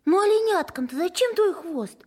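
A woman voicing a pestering female housefly in an audio fairy tale, with a nagging, whining, breathy voice. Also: very high-pitched, animated, normal speed, a little mellow. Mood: pleading.

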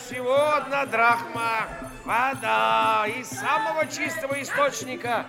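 A gravelly pushy water seller. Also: male voice, extremely high pitch, measured pace, full character voice. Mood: wheedling. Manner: wheedling, pushy. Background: music.

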